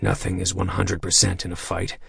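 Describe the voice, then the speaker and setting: A man voicing a huge, laconic male cyborg fighter in an audiobook, speaking in short, gruff lines. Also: sits low, monotone, a little fast, fairly bright tone, no echo, clean studio sound, full character voice. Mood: gruff terse. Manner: terse, gruff. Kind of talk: audiobook character voice.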